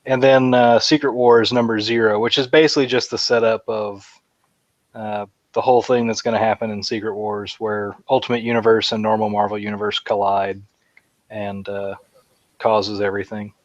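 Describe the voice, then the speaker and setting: A man's voice: lowish voice, little pitch movement, normal speed, dry recording, muffled recording. A man co-hosting a podcast, chatting casually and rambling with lots of fillers. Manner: rambling, enthusiastic fan talk with many fillers. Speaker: podcast co-host. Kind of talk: casual chat.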